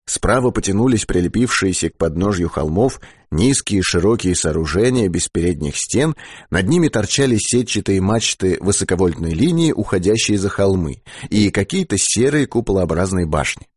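A man narrating a science fiction audiobook in a measured, expressive reading style. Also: low voice, husky, no echo, studio quality.

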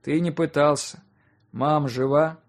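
A man's voice: fairly high pitch, fairly even intonation, slow. A man reading a bitter, drunk former physics teacher who speaks in a dry, curt, weary way.

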